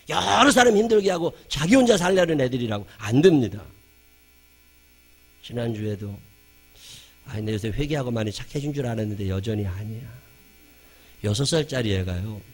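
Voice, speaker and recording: A man, preaching a sermon and swinging between loud emphasis and quiet asides. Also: mid-range voice, husky. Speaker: pastor.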